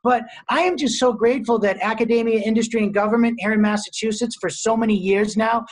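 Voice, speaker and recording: A man's voice: high-pitched, fast. A middle-aged man hosting a town hall over a video call from his office, talking in a conversational, emphatic way. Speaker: host, industry association head. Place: office, indoors. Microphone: video call webcam.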